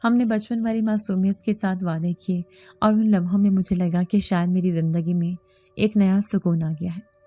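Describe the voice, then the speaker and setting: A woman storyteller narrating a horror tale in a calm, steady first-person voice. Her tone is dark and mellow and sounds dry and close. Faint music plays underneath. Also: mid-range voice, no room sound.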